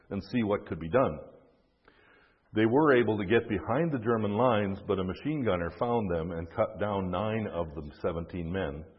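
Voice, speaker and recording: Husky low-voiced man telling history. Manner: casual, self-deprecating asides with fillers. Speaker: history storyteller. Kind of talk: casual history narration. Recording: dull, echoey recording.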